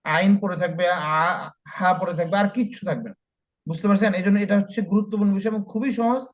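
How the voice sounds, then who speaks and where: A male Quran teacher leading a lesson, chanting Arabic letter-and-vowel drills slowly and then explaining quickly. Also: sits high. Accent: Bangladeshi Bengali. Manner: slow syllable drills, then brisk explaining.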